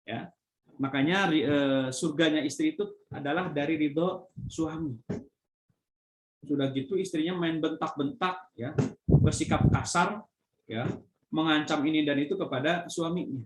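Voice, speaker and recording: A man's voice: on the high side, measured pace, pauses often. A man giving a religious study lecture as a preacher, explaining with everyday examples and frequent fillers. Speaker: Islamic preacher. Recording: echoey room.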